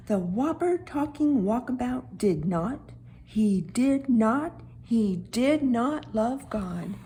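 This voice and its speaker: Giving voice to a gentle, childlike talking stone, a woman tells a children's Bible story in a dramatic, hushed, emphatic way. She pitches it a little high and sounds sad.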